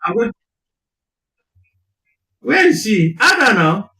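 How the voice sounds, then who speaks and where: A man joining a casual live-stream chat, giving quick, reassuring replies, with echo from a second device on his voice. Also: sits high, very animated, creaky, bright, forceful tone.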